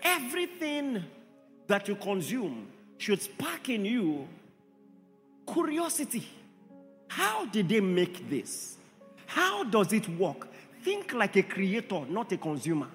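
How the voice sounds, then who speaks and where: High, lively-voiced preacher in a hall. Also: male voice, takes it slowly, soft background music. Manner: emphatic, repeats rhetorical questions to the congregation. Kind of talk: sermon.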